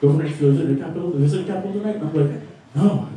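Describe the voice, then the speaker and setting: Very fast and mellow, with a slightly high pitch, a young Filipino-accented comedian from the Philippines tears through a profane stand-up set, laughing at his own jokes. He is on a small record store stage, recorded live from a distance in a roomy space.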